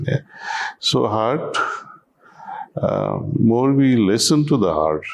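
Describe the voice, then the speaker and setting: A man with a very low, gravelly voice talks slowly as a spiritual teacher. His delivery is measured and reflective, and his words come unhurried. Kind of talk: calm spiritual conversation.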